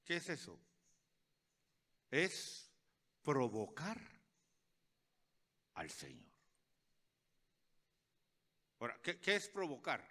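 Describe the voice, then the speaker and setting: A pastor preaching a sermon, asking the congregation questions and acting out little scenes, dropping to quiet asides and rising to loud calls. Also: male voice, mid-range voice, wildly swooping pitch, extremely slow, long pauses.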